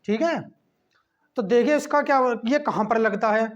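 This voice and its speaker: A man teaching a class lesson, checking in with a quick "okay" between points as he explains. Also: extremely high pitch. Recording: dull lo-fi recording.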